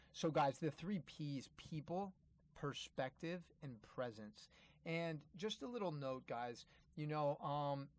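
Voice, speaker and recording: Man, slightly high voice, dry close sound, motivational speaker, earnest, informal, emphatic. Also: dry recording. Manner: earnest, informal, direct address. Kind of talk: motivational talk addressed to an audience.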